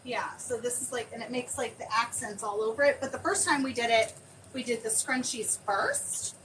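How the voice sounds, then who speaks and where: A woman demonstrating a craft on a live stream, chatting excitably and thinking aloud as she works. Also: on the high side, moderate pace. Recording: distant mic with clear background noise.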